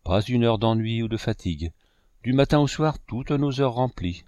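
A man narrating a classic novel as an audiobook, measured and expressive, on a close mic. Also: medium pitch, no echo. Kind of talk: scripted narration.

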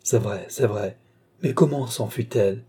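A man doing a commanding mesmerist in an audiobook, dropping his voice low and pressing hard with every order. The tone is mellow with a husky edge. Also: a little slow. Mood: urgent. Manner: urgent commands, lower and intense. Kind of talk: audiobook reading.

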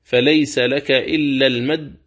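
A man teaching the rules of Quran recitation in a religious lesson, speaking slowly and deliberately and repeating key words. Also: medium pitch, fairly even intonation, a bit bright.

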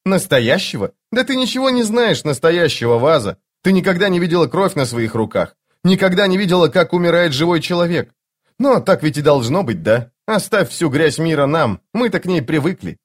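A man's voice: on the high side, big pitch swings, fairly quick, voice pushed up. A man voicing a proud, touchy young male street thief in an audiobook, talking defiantly. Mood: agitated. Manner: agitated, defiant.

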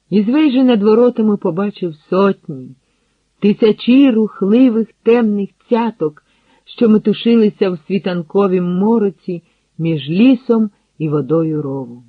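Slow, husky man reading a story. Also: high-pitched, dry recording. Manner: measured, dramatic storytelling. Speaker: audiobook narrator. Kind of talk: dramatic literary reading. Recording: dry, tinny phone-like sound.

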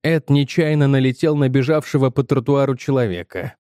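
A man narrating an audiobook in a measured, tense storytelling manner. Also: medium pitch, fairly even intonation, mellow, dry recording, clean studio sound.

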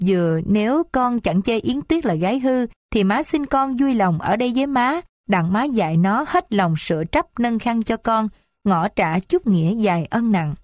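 A woman's voice: fairly high pitch, animated, normal speed, a little mellow, no echo, clean studio sound, natural voice. A woman voicing an older mother of a noble house in a read-aloud story, emotional and stern. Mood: grateful. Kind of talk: audiobook character reading.

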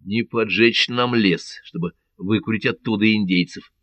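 A brash, eager pirate sailor, as a male audiobook reader voices him, low-pitched and blunt. The recording is dry and close. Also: moderate pace, a bit bright, dry recording, natural voice.

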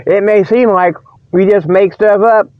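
A man with a slightly high-pitched voice and fairly even intonation hosts a humorous report show in an unhurried, folksy manner. His colloquial comic radio monologue rambles, meanders, throws in mock sponsor pitches and often loses the thread, while a lingering cold leaves a slight frog in his throat. The lo-fi recording has no echo.

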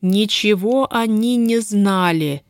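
A woman voicing a hoarse, defiant young peasant woman in an audiobook. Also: medium pitch, unhurried, no room sound, studio quality, natural voice. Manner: defiant, desperate. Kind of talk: audiobook character voice.

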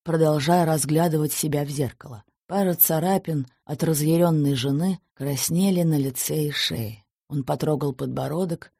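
Husky-voiced woman reading an audiobook. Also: deep voice, normal speed, hardly any pauses, no echo, clean studio sound. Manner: steady, plain storytelling. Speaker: narrator. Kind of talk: audiobook narration.

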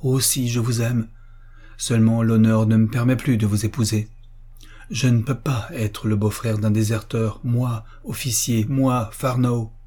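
A man's voice: medium pitch, little pitch movement, a little slow, warm tone, close to an everyday voice. A man reading an audiobook, voicing a young officer who solemnly explains a painful duty. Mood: grim. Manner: tense, solemn. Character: young army officer, grim and torn.

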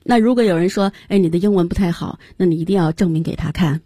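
A woman's voice: lowish voice, quick pace, mellow, no room sound, clean studio sound. A woman co-hosting a radio English lesson, repeating the words after the teacher and asking follow-up questions. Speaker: co-host of the lesson.

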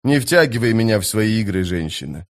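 A man voicing a cold, hard assassin who speaks low, quiet and clipped. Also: animated, a little fast.

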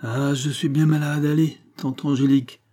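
A tearful, whining sixteen-year-old boy, as a man reads him, set a little higher than the narrator's own voice. He pleads in a clumsy, pitiful way in a storybook reading. The tone is warm and dark underneath. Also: lively intonation, normal speed.

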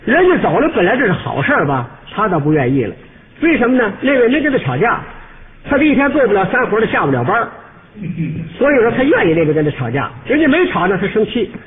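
Guy doing a comic monologue, high voice, tinny radio sound with some hiss. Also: quick pace. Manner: lively, pointed storytelling asides to the audience. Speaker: comic storyteller. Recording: tinny old radio recording with faint hiss.

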